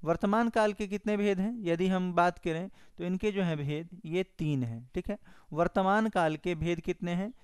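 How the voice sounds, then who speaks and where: Slow, clear Hindi grammar teacher, man. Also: high voice, dry recording, studio quality. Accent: Bihari Hindi. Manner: slow, repetitive dictation of definitions. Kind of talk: online exam-prep lesson.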